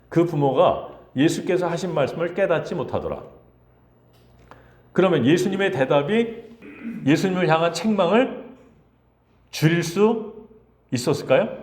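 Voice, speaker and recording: Animated middle-aged male pastor preaching. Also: a little high. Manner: lively, asks the congregation rhetorical questions; acts out quoted lines in changing voices. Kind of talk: conversational Sunday sermon.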